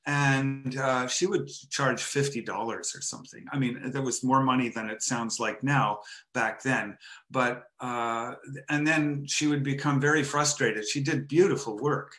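An older Montreal photographer and artist speaks on a headset during a video call from a room at home with a framed photo. In this casual interview, his medium-pitched voice sounds pushed and bright, and he talks hesitantly and reflectively, pausing often and restarting.

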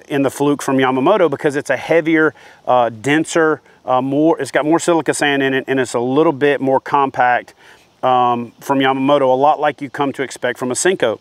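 A man's voice: mid-range voice, no room sound. A man in his forties giving a practical, hands-on fishing lesson to camera outdoors, speaking into a lapel mic. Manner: practical, steady explaining with hands-on demonstration. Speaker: fishing instructor. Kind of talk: instructional talk to camera. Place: outdoors by a wooden shed.

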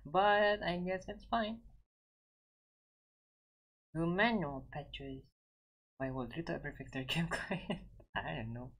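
Male game streamer, unhurried, chatty, reassuring, repeats himself. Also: on the high side, a bit bright. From Indonesia. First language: Indonesian. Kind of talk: casual gaming live stream chat.

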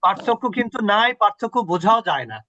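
High bright-voiced male teacher, dry lo-fi. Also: sing-song, fast, no echo. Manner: patient, asks the class questions and repeats sounds. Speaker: Quran recitation teacher. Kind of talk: online tajweed class. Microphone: video call.

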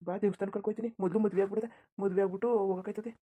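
Cartoon: a woman doing a quick, warm-toned young groom, confident and reassuring. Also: mid-range voice, fairly even intonation, husky, close to an everyday voice. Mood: urging. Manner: reassuring, quiet. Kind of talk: cartoon dubbing.

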